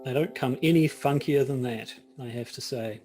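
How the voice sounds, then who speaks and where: Heard over music, a middle-aged man with a New Zealand accent speaks at normal speed in a mid-range voice as a podcast co-host. The casual chat is hesitant, and he keeps restarting sentences and repeating words.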